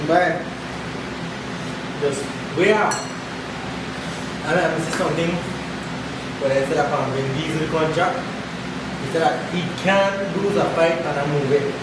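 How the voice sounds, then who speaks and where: Male, high pitch, podcast host, casual banter, strong room echo, background noise. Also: a little slow, pauses often. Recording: echoey room, distant mic, noisy background.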